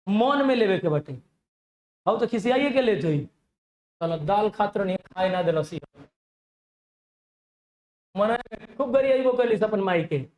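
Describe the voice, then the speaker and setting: A man with a Bhojpuri-inflected Bihari accent teaching a live online reasoning class, animated and now and then shouting, calling his students "babu". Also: extremely high pitch, echoey room. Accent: Bhojpuri-inflected Hindi, Bihar.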